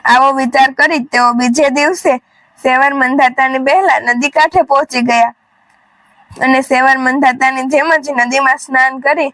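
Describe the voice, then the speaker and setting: A woman narrating a moral folk tale in a steady, measured storytelling manner. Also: high-pitched, no room sound, rough recording.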